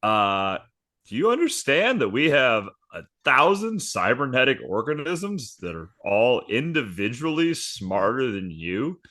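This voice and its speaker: A man's voice: mid-range voice, very animated, bright, forceful tone. A man voicing a patronizing artificial-intelligence customer service agent who corrects and belittles the caller. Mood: condescending. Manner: prim, patronizing, slow and dry.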